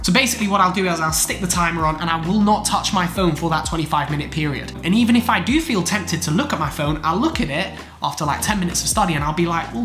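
In a casual talking-head vlog, a young man in his twenties, a medical student, describes his weekly routine from a home study room, gesturing frequently. He has a high voice and is congested from a chest infection, and the roomy recording carries background music.

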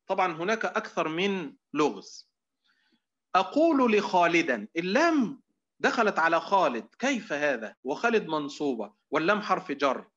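Middle-aged man, Egyptian Arabic accent, online lecturer, quizzing question-and-answer delivery, somewhat high voice, muffled lo-fi sound. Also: very animated, normal speed, fairly bright tone. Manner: quizzing, asks fill-in questions and answers himself.

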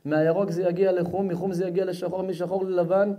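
A man giving an impassioned sermon as a rabbi, addressing the crowd directly and swinging between shouting and hushed sarcasm. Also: high-pitched, flat delivery. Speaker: rabbi giving a public lecture.

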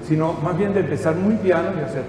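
An older man with a fairly high voice leads a choir through a rehearsal, coaching patiently and encouragingly with a dry wit. His voice carries a long reverb from the hall, with a faint hiss of background noise. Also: quick pace. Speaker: choir director. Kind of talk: choral rehearsal instruction.

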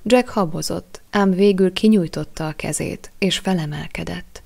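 Low gravelly woman reading an audiobook. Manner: measured, expressive storytelling. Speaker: audiobook reader. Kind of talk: audiobook narration.

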